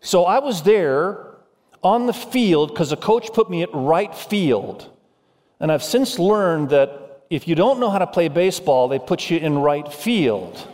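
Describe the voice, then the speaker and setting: Male pastor, raised in Indonesia, preaching with animated urgency; raised pitch, long hall reverb. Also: measured pace. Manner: animated preaching, urging the congregation. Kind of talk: sermon.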